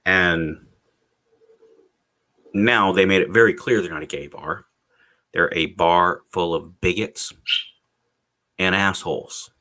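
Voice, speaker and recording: A man with a deep voice talks casually to a livestream on his own. His delivery is slow and meandering, with halts and repeated words, yet the tone has a hard, forceful edge. His language is blunt and sweary. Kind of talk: rambling casual solo livestream chat.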